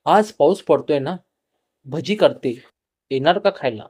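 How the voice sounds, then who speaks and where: A man's voice: a little high, animated, measured pace, a little mellow, husky, no echo, clean studio sound. A man voicing a cheerful, talkative young woman neighbor who speaks in a playful, teasing way.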